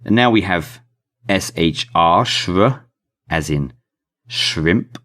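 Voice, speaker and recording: A man's voice: sits low, slow, pushed and bright. A man teaching an English phonics lesson, spelling out letters and sounding out blends with careful emphasis on each keyword. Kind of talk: slow, deliberate phonics lesson.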